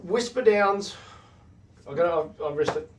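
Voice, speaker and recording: A man's voice: on the high side, expressive, measured pace, slight background noise. A man hosting a casual horse racing chat, analysing races in clipped, punchy, jargon-heavy phrases. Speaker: host of a horse racing talk show. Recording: distant mic.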